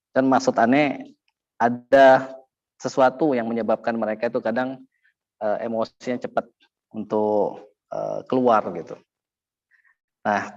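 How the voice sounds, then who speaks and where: Male preacher, lively storyteller who voices the characters he quotes, slightly dull lo-fi recording. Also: mid-range voice. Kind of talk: sermon with storytelling.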